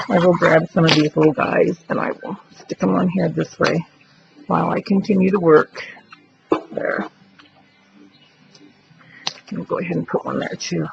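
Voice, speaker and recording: Her lowish voice has vocal fry as she works through a craft tutorial step by step. Chatty and thinking aloud, she explains each move, recorded in dull lo-fi quality with faint noise.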